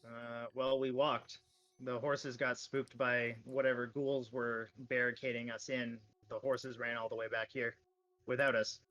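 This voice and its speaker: Guy playing a tabletop rpg, average pitch, casual storytelling, little bit lo-fi. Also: flat delivery, measured pace, fairly bright tone. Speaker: tabletop game player.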